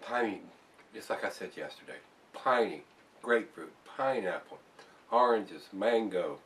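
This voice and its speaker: A man's voice: on the low side, lively intonation, unhurried, a bit bright, distant mic. Chatty older man reviewing beer. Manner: chatty, rambling with fillers and restarts. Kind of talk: casual beer review to camera. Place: home bar room, indoors.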